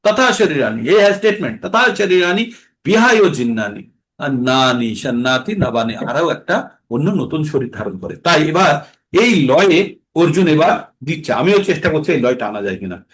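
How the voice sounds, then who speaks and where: A man teaching a scripture class who explains verses, asks questions and answers them himself, and chants Sanskrit verses in a slow sung tone. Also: a little high, sing-song.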